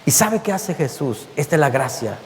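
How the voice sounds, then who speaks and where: A man with a Mexican Spanish accent preaching a sermon as pastor, emphatic and earnest, calling his listeners beloved and slowing down to give his words weight. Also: on the high side, sing-song, a little mellow, slight background noise. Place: church sanctuary. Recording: long church-hall reverb.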